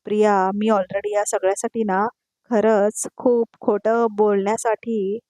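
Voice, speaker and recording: A woman's voice: medium pitch, little pitch movement, a little slow, warm tone, no echo, lightly acted. An anxious young woman pleads her case and apologizes again and again, as a female narrator reads her part. The voice sits close and dry on the mic. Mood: pleading.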